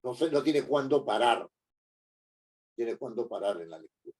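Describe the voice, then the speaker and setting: A man lectures at an unhurried, hesitant pace, often stopping on fillers and checking in with tag questions. His voice is dark and a little husky. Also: medium pitch, animated. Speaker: teacher.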